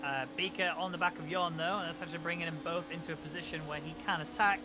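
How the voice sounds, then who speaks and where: Guy doing excitable motorsport commentator calls on sim racing, highish voice, clear car noise behind him. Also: fast talker.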